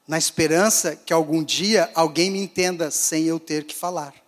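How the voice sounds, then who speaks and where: A male pastor preaching a sermon, swinging between raised, emphatic phrases and hushed, quiet ones. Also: on the high side, steady tone, moderate pace. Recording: long hall reverb.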